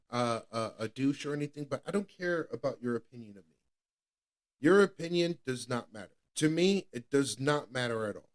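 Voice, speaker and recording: With a medium-pitched voice, a podcast co-host in his thirties from New England candidly recounts something personal. He comes across as earnest, repeating himself and often beginning sentences again.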